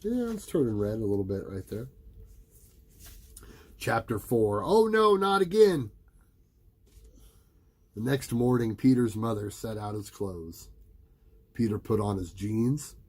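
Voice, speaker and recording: A man reading a storybook aloud to a young child as the parent, pausing for casual asides and questions. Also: lowish voice, lively intonation, mellow, husky.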